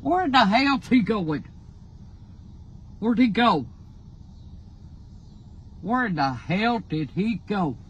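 A woman's voice: medium pitch, lively intonation, slow, pauses often, dull audio. An American woman in her seventies, blunt, combative and foul-mouthed, speaking spontaneously in a car. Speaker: grandmother being pranked. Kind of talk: candid spontaneous outburst. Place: inside a parked car. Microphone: fixed dashboard camera. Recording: car interior noise, camera microphone.

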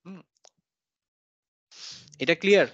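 A man teaching a live online class on Quran recitation. He explains each rule patiently, step by step, and chants the examples slowly with a nasal hum. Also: fairly bright tone, no room sound. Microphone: video call. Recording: dull lo-fi video call audio.

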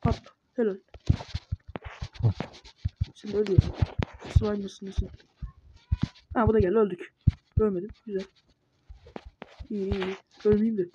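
A woman's voice: medium pitch, little pitch movement, moderate pace, pauses often. A woman keeps up a running, muttered commentary as she plays, telling herself what to do and scolding the monsters. Her voice sits in a middling range. The mic sounds dull and lo-fi, with noise and clicking keys underneath. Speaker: gamer. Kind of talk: casual gameplay commentary.

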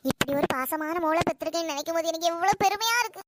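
A woman's voice: extremely high pitch, racing, heavy background noise. A woman playing a nagging old village mother. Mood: touched. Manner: nagging and sharp-tongued. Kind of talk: comedy skit acting.

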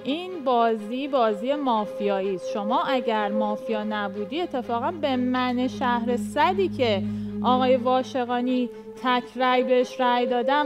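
A woman player arguing her case in a mafia game, firm and insistent, asking for trust. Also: sits high. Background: background music.

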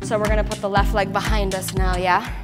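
A woman's voice: medium pitch, level tone, a little fast, big-room sound. A woman in her thirties coaching a workout like a motivational pep talk, calling out counts and short rousing commands as she exercises. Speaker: fitness instructor leading a workout. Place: large bright loft studio, indoors. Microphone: body-worn wireless mic. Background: music.

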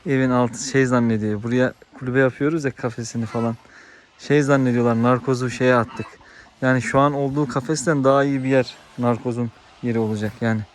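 Guy vlogging outside on his farm, chatting then yelling dog names, noisy outdoor recording with dogs barking. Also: medium pitch, steady tone, a little fast. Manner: calls out and scolds dogs in sharp raised bursts. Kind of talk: casual vlog, talking to his dogs and viewers.

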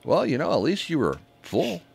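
A man's voice: a little high, huge pitch swings, moderate pace, gravelly, a little mellow, husky. A man co-hosting a casual morning radio show, joking and reading out listener answers. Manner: jokey, reads listener answers, laughs a lot.

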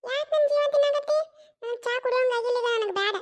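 A grumpy, stubborn old mother-in-law in a cartoon comedy skit, voiced by one performer who plays both parts. She scolds and refuses in a North Karnataka Kannada accent. Her voice is shrill and very high, and her retorts come quick and clipped. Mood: irritated.

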